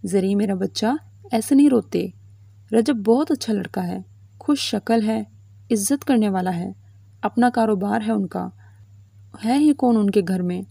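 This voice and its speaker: A woman reading as a worried gentle mother. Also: mid-range voice, vocal fry, long pauses, slightly rough, no room sound. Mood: tender. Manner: pleading, soft. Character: worried middle-aged mother, gentle but fearful.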